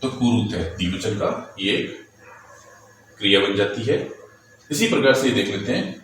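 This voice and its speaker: A man's voice: lowish voice, lively intonation, normal speed, a bit bright. A male teacher patiently explaining, step by step, how letters and vowel signs are written, asking and then answering his own questions. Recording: very echoey room, distant mic, faint noise.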